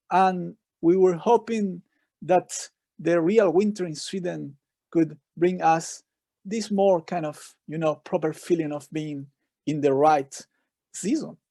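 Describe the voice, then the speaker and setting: A man's voice: high-pitched, vocal fry, warm tone, dry recording. A man from Chile with a Chilean Spanish accent, a researcher giving an earnest, reflective talk on a video call. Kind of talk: online talk.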